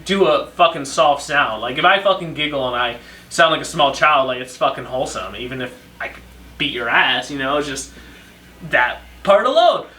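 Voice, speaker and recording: A man's voice: medium pitch, animated, normal speed, sharp tone. A young man hosting a podcast, telling rambling stories in a sarcastic, profane, casual way. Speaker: podcast host. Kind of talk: casual storytime monologue. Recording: echoey room, distant mic.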